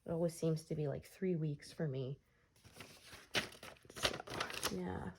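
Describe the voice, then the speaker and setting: A low-voiced woman who vlogs about cross-stitch chats in a relaxed, meandering way while she stitches, often using fillers. She speaks slowly and huskily, and she sounds slightly congested as she recovers from a cold.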